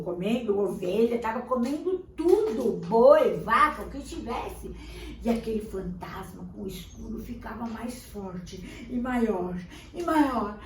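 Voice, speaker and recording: Older grandmother telling a story. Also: medium pitch. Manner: animated, expressive. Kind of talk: children's storytelling. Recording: echoey room, distant mic, faint hiss.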